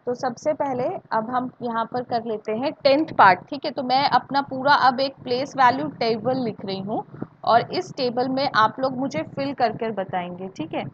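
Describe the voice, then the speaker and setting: Here a higher-pitched Indian woman speaks at normal speed while running a live online maths class. Switching between Hindi and English, she repeats points and quizzes students with check questions; the recording is dull and lo-fi, with faint hiss.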